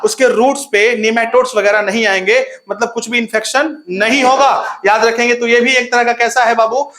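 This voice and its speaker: A man's voice: very high-pitched, fairly bright tone. A young man teaching a biology class online, constantly quizzing his students and teasing them with a laugh. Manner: call-and-response questioning, playful teasing; laughs often.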